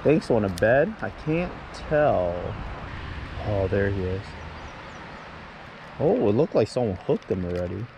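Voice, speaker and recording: A man vlogging a fishing trip outdoors, chatting casually and exclaiming excitedly at every fish. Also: lowish voice, unhurried, long pauses, background noise. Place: outdoors by the water. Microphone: action camera.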